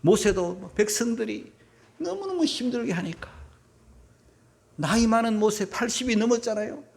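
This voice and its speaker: A male pastor preaching a sermon, swinging from loud emphatic bursts to hushed whispers and calling his congregation to read along together. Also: sits high, lively intonation, moderate pace, gravelly. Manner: leads the congregation in reading aloud together. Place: church sanctuary.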